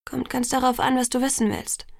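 A woman voicing a teenage girl in an audiobook, giving curt, sharp-tongued replies. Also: high voice, steady tone, fairly quick, gravelly, no room sound, clean studio sound, pitched above the performer's own voice. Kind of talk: audiobook character voice.

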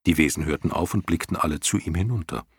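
A man with a deep, husky voice narrates a story, his delivery lively and full of rises and falls. The recording is close and dry. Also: quick pace, no echo. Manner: expressive, varied storytelling. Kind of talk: audiobook reading.

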